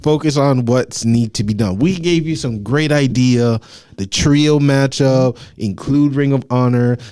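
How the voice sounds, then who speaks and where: A man's voice: mid-range voice, measured pace, dark tone, smooth. A man co-hosting a podcast in casual chat, blunt and joking, laughing often. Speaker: podcast co-host.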